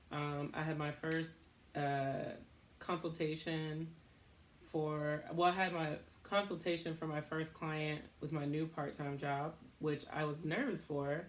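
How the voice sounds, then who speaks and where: A young woman hosting a podcast, talking in a casual, rambling way, thinking out loud and laughing at herself. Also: deep voice, slight background noise. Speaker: podcast host.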